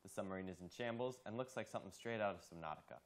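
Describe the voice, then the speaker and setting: A teenage student reporter reading a news report in a flat, quick delivery. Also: male voice, fairly low pitch. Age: teens.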